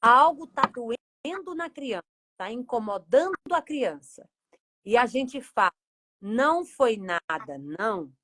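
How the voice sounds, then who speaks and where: A woman's voice: on the high side, fairly bright tone, slightly rough, dry recording. A woman with a Brazilian Portuguese accent, a psychologist hosting an online class from her home over a video call, speaking emphatically and calling out to the audience. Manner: emphatic, calls the audience in directly. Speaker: host and psychologist.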